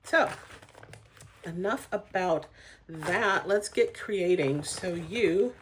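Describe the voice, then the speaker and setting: A woman's voice: fairly low pitch, expressive, slow pace, slight background noise. A woman hosting a casual craft tutorial at home, talking in a chatty, rambling way with frequent ums and light laughs. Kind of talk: casual how-to demonstration.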